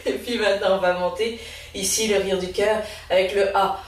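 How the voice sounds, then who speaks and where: A woman's voice: medium pitch, fairly even intonation, moderate pace. A woman leading a laughter yoga session, guiding a group through vocal sounds and counting with encouragement. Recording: very echoey room, voice from a distance.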